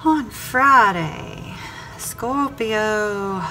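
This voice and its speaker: Over clear background music, a woman delivers a weekly tarot reading, speaking directly to the viewer by star sign and circling back over her phrases. Her medium-pitched voice is expressive and sharp, with drawn-out words, though the recording quality is low.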